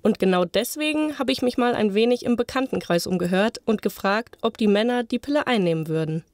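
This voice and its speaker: A young woman presents a student podcast in a clear, read-aloud style. Her voice is mid-pitched and sounds dry and close, with no room around it. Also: lively intonation, fairly quick, darkish tone, no room sound. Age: young adult. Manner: clear, read-from-script delivery. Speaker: podcast co-host, journalism student.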